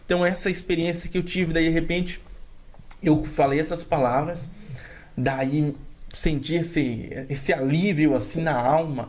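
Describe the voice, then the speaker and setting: A man's voice: on the high side, fairly even intonation, unhurried, a little mellow. Earnest man from sharing testimony. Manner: earnest and emotional, with frequent "cara" and restarts. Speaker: podcast guest. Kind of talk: personal faith testimony, casual storytelling.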